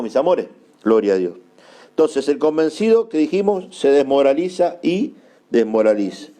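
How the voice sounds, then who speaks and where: A man preaching a sermon in an Argentine accent, emphatic and repeating key phrases slowly for his listeners to note down. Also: mid-range voice, warm tone. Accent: Argentine Spanish. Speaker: apostle preaching.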